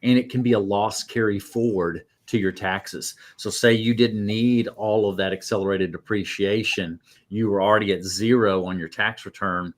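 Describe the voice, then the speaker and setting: A man's voice: fairly low pitch, steady tone, moderate pace. A man talking as a guest, explaining things in a casual, conversational way.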